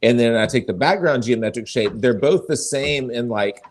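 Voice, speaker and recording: A man's voice: mid-range voice, normal speed, slight background noise. Man, middle-aged, tattoo artist, casual critique, thoughtful explainer. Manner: thoughtful, explains composition at length. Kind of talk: casual group chat on a video call.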